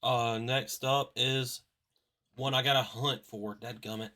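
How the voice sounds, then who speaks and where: A man hosts a casual game-ranking stream from home, calling for votes in easygoing slang. His voice is bright and forceful, at an ordinary pitch for a man. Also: steady tone, measured pace. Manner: leads the votes, laid-back slang. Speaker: ranking host. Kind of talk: casual gaming chat.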